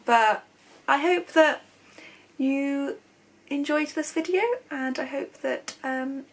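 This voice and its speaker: A woman's voice: a little high, fairly bright tone, rough recording. A young woman chatting casually in a sewing vlog, gushing and chatty with lots of ums and likes. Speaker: sewing vlogger. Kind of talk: casual chat.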